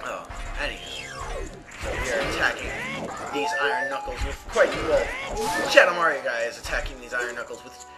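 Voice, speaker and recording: A man's voice: medium pitch, sing-song, moderate pace. A young man giving casual, rambling and joking commentary while playing a video game. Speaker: let's play co-host. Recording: game music playing behind.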